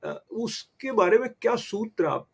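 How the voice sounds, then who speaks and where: Man, indian accent, tv host, slightly high voice, respectful, formal, hesitant fillers. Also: lively intonation, a little slow, vocal fry, breathy edge. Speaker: TV interview host. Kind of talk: interview questions.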